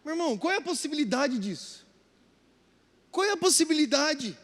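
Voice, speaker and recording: A man's voice: very high-pitched, sing-song, normal speed, a bit bright. A man preaching a sermon, telling a story with animation and acting out the dialogue. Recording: long reverb of a hall.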